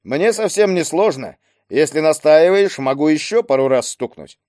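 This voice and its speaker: Male reader as a calm, sardonic man, unhurried and mocking. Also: a little high, no room sound, natural voice. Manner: dry mocking tone.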